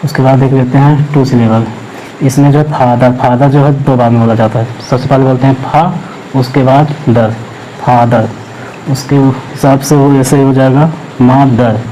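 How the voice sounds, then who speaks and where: A male teacher explains grammar at a slow pace, dictating words while he writes them on a board. His voice stays flat and even. A steady hum of background noise sits under the recording. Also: mid-range voice, poor audio. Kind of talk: classroom lesson explaining grammar.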